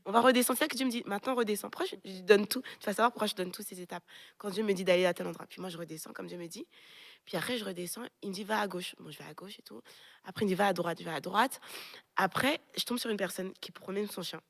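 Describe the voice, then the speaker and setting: A young woman from France recounts a story as pastor and co-host in a casual conversation. She talks at a very fast clip and voices the people she quotes with lively energy, keeping her pitch mid-range. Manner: lively, animated retelling with quoted voices and laughter.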